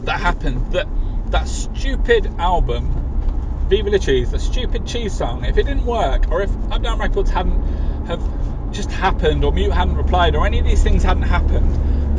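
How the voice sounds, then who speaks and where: Man, slightly high voice, casual rambling podcast host, muffled pocket phone recording, inside a car, loud road noise. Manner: rambling, restarts sentences, lots of ums and likes. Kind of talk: casual solo podcast monologue. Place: inside a car during a commute. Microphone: phone in his pocket.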